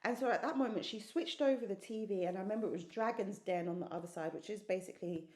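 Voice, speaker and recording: A woman's voice: medium pitch, fast talker, darkish tone, echoey room. A woman from the United Kingdom giving an earnest personal testimony in an interview, often repeating phrases for emphasis.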